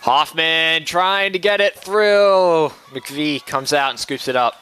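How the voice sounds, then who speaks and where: A man's voice: on the high side, slow, sharp tone, clean tone. A man calling live soccer play-by-play in clipped, running phrases. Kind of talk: live sports commentary.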